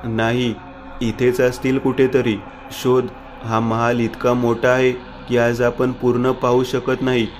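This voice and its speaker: Give me a man voicing a dismissive skeptic in a haunted house story, monotone. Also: medium pitch, a little slow, a little hiss or hum, close to an everyday voice.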